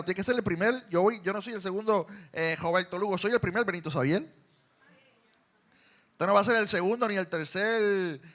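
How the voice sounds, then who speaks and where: A Puerto Rican pastor preaches a sermon in a church with a notably high voice. He drops to soft, low asides, then builds to loud, forceful declarations. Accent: Puerto Rican Spanish.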